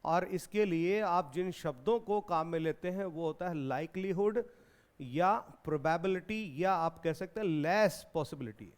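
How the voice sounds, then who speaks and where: A man's voice: high-pitched, measured pace, clean tone. A man from India teaching an exam-prep English grammar lesson in Hindi, explaining and repeating questions back to his students.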